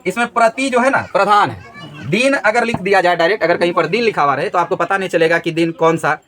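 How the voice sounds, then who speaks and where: A man's voice: high voice, quick pace, a bit bright, slight background noise. A man teaching a grammar lesson in a classroom, repeating each question so the students answer together.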